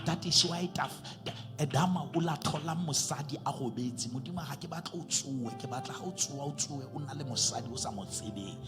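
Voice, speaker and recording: A man preaching a Pentecostal sermon as a bishop into a pulpit microphone, dropping to hushed whispers and rising to shouted climaxes, and mixing in English phrases. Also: medium pitch, fast talker, hardly any pauses, over music. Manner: mixes English phrases into his own language mid-sentence.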